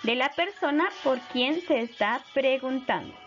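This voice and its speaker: A woman teacher giving a recorded English lesson to children, explaining slowly and patiently and switching between Spanish and English. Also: high-pitched, highs cut off, soft background music.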